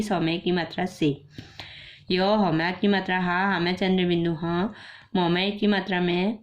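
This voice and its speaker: Patient teacher sounding out Hindi syllables. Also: female voice, fairly low pitch. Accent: Indian. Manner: slow, patient letter-by-letter spelling and explaining. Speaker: primary school teacher. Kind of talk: reading a children's story aloud, sounding out syllables. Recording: dull lo-fi recording.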